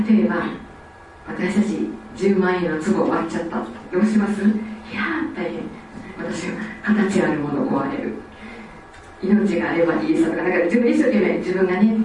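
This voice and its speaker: Fast-talking woman lecturing in a hall. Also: lowish voice, slight background noise. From Osaka. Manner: lively, acts out children's speech. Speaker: lecturer on child development. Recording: echoey hall, distant mic, faint ambience.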